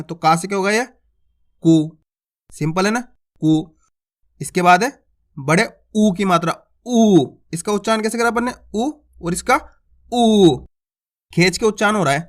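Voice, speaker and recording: Man, high voice, teacher, patient step-by-step explanation, syllables called out loud. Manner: explains simply and calls out syllables in a raised voice. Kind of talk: Hindi alphabet lesson.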